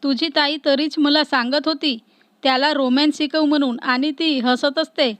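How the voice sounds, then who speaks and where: A woman's voice: high-pitched, fairly even intonation, moderate pace, fairly bright tone, no room sound. A woman voicing a witty young woman who teases her fiancé. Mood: teasing.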